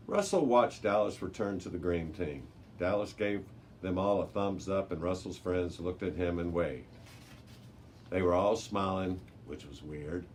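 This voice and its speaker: With a low, slightly mellow voice, this man narrates a children's adventure story for a library, making the occasional small slip. Background noise is clearly audible.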